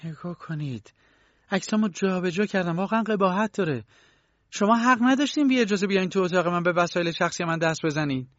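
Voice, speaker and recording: A man's voice: medium pitch, lively intonation, husky, no echo, dull audio. A man reading an audiobook, voicing a tired young woman lodger in a raised, tense voice. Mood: indignant.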